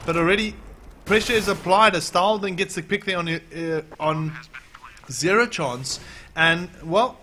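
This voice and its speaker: A man's voice: high-pitched, bright, forceful tone, a little hiss or hum. A man with a South African accent casting a live esports match in a chatty, opinionated way. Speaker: esports caster.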